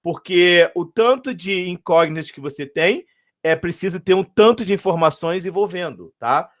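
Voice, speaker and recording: A man's voice: sits high, expressive, normal speed. Patient Brazilian male math teacher. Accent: Brazilian Portuguese. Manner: patient, repeats points and checks in often with "ok?" and "tá?". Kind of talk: explaining a math lesson to students.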